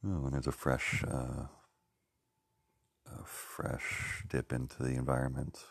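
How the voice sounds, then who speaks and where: A man musing slowly and haltingly, searching for words with many pauses and fillers. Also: very deep voice, monotone, gravelly, dry recording. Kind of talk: rambling reflective talk.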